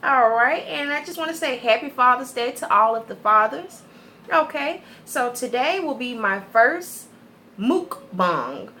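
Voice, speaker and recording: A young woman with a bright, ringing voice pitched a little high chats casually as she hosts an eating show. She describes her food in a friendly, easygoing way, with a few fillers along the way. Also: moderate pace, a little hiss or hum. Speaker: mukbang vlogger host.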